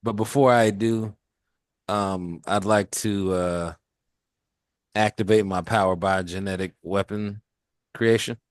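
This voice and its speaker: A man's voice: on the low side, steady tone, takes it slowly, pauses often, no echo, studio quality. A man playing a tabletop game, talking hesitantly with many restarts. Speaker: tabletop player.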